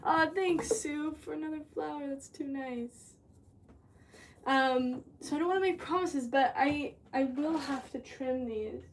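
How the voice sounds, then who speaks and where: A young woman livestreaming from a home pottery studio chats casually and giggles over viewer comments as she works clay. She's from Southern California, and her high-pitched voice moves at a measured pace. The mic is distant, with music playing behind and slight background noise.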